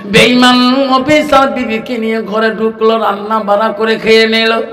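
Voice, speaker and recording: A man's voice: high voice, flat delivery, normal speed, fairly bright tone, in a large hall, soft background music. A male preacher telling a sermon story in a half-sung, tearful chant and acting out each figure in it.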